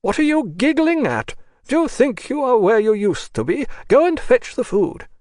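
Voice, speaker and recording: Man doing a stern hospital sister, shrill, high-pitched, harsh, scolding, dry close sound. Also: sing-song, normal speed, a little mellow, no room sound.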